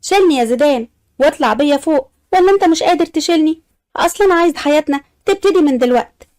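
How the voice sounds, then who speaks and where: A woman's voice: high-pitched, lively intonation, rapid-fire, a little mellow, no room sound, clean studio sound. A woman voicing a young wife with an Egyptian accent who speaks in a pleading, coaxing way. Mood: playful.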